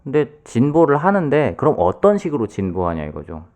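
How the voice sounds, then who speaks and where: A man co-hosting a podcast, talking quietly and explaining a book at length in casual chat, with many fillers. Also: medium pitch, wildly swooping pitch, a little fast. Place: podcast studio.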